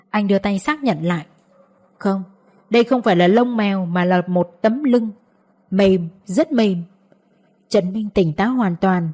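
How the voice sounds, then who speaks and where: A woman's voice: medium pitch, mellow. A woman narrating a scripted story as an audiobook reader.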